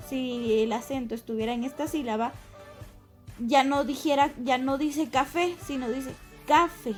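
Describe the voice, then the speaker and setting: Lady teaching little kids, unhurried, repeats words, soft music behind. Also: sits high. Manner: patient, explains step by step and repeats words slowly. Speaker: primary school teacher. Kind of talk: recorded class lesson.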